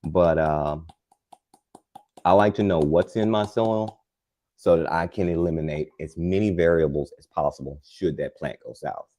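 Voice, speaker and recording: Very deep, dark-toned calm man. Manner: calm, soothing, unhurried; chatty and rambling, with many fillers. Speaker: gardening channel host. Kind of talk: live repotting demo, casual chat.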